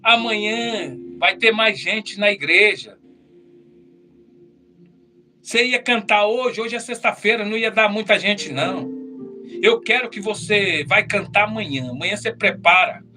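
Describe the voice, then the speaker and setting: A man voicing a gentle, coaxing older pastor who softly persuades. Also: high-pitched, a little slow, recorded from a distance, soft background music, heavily acted.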